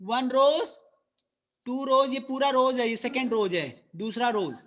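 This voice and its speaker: High-voiced male teacher quizzing pupils. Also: unhurried, a bit bright, highs cut off. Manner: patient, repeats and quizzes students. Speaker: school English teacher. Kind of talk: online phonics class, mixing Hindi and English.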